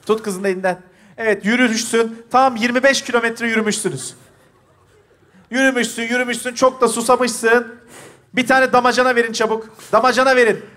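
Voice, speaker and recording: A man's voice: very high-pitched, fairly even intonation, brisk. A man hosting a stage comedy show, calling out cues and ordering the players around while laughing. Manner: bossy, laughing, shouting cues. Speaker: host directing an improv scene. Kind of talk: stage improv direction.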